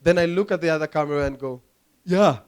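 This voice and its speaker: A young Kenyan man with a Kenyan accent doing a stand-up comedy set, telling animated stories, acting out voices and laughing at his own jokes. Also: a little high, racing, a little hiss or hum. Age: young adult. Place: comedy club stage.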